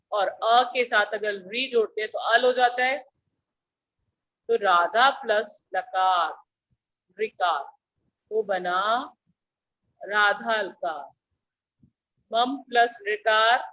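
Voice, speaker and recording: A woman teacher explaining a grammar lesson slowly and patiently, often asking her students questions. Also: medium pitch, bright, forceful tone, slight background noise, low-quality recording.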